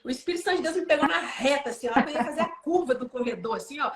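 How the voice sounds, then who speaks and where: Fast-talking woman teaching with lively tags. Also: high voice. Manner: animated storytelling, frequent "né?" tags. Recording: roomy echo.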